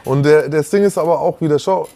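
A man's voice: a little high, a little fast, gravelly, warm tone. A man who is a former convict, a guest in a casual interview, speaking in an earnest, reflective and emphatic way.

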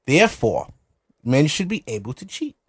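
In a studio, a man from Brooklyn, New York hosts a podcast while drinking alcohol, his casual chat loose, profane, brash, and provocative, broken up by lots of laughter. His mid-range voice is slightly rough, moves at a moderate pace, and swings hugely in pitch.

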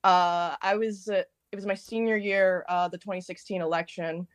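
A woman's voice: on the low side, steady tone, normal speed, no room sound. Girl in her 20s, rambly, lots of likes and ums, giggly. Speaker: podcast guest. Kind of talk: casual chat.

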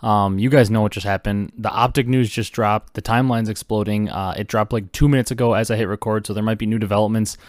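A young man hosting a podcast, talking fast and excitedly with lots of fillers while he reacts to breaking esports news. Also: on the low side, no room sound, studio quality. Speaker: podcast host. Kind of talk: casual esports news commentary.

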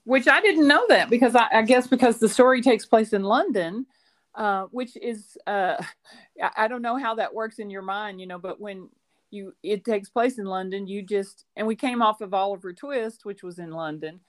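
A woman's voice: medium pitch, normal speed. A woman who teaches school, co-hosting a casual book podcast and telling rambling stories with side notes. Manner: warm storytelling, rambling asides, laughs often.

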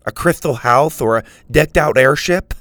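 A man's voice: a little high, normal speed, fairly bright tone, no echo, pitched above the performer's own voice, lightly acted. A man voicing a brash teenage boy in a storybook reading, teasing and mocking. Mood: needling. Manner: needling, mocking.

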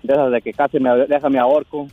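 A man's voice: mid-range voice, level tone, quick pace, narrow, tinny audio. A man with a Mexican accent co-hosting a radio show, rambling and repeating words as he tells stories. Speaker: radio co-host. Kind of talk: casual radio banter.

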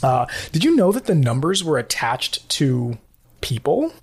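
A woman's voice: deep voice, big pitch swings, a little slow, darkish tone, breathy edge. A woman hosting a rewatch podcast, talking in a casual, rambling, jokey way. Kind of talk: casual chat and commentary.

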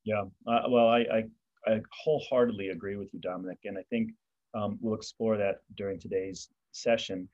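Podcast host, man with a lowish voice, friendly and measured, muffled audio. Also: fairly even intonation, a little mellow. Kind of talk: hosting an interview podcast.

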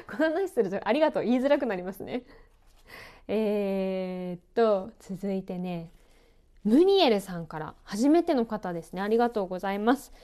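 A woman announcer hosting her own podcast, chatting in a relaxed way, laughing often and poking fun at herself. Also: medium pitch, normal speed. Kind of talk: relaxed solo podcast chat.

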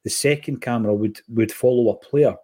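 A Scottish man co-hosting a football podcast, chatting casually and telling stories. His voice is mellow and dark, with a husky edge. He slips into lively quotes of other people as he tells them. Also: medium pitch, brisk. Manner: storytelling, animated when quoting others. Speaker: podcast co-host.

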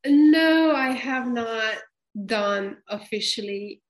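Slow-talking woman, hesitant. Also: on the high side, expressive, rough recording. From Bulgaria. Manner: hesitant, many fillers and restarts, laughs often. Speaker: guest. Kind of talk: casual interview chat.

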